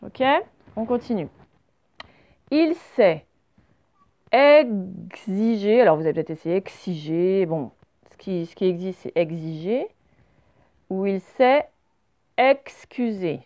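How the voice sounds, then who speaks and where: A French woman teaching a reading lesson, speaking slowly and clearly and spelling words out letter by letter. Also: lowish voice, expressive, warm tone.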